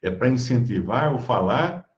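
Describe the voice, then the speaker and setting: A man's voice: mid-range voice, lively intonation, unhurried. A man giving conversational Bible teaching, reading scripture aloud and explaining it with everyday stories. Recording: roomy, dull lo-fi sound.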